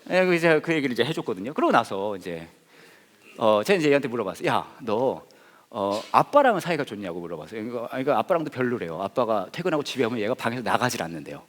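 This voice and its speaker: A man's voice: mid-range voice, very fast, big-room sound. A man preaching, a pastor telling a story with humor and acting out the people in it. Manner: animated, jokey, acts out voices.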